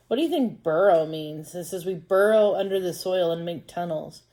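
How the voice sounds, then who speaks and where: A woman's voice: lowish voice, normal speed, dark tone. A woman teacher giving a reading lesson to first graders, patiently sounding out words and syllables. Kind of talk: reading lesson for young children.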